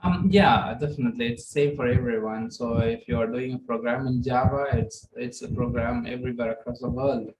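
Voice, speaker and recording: A man from South India with a South Indian accent and Tamil as his native language, answering as an interview guest in halting, repetitive phrases. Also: mid-range voice, a little mellow. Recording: noisy, echoey room sound with clicks.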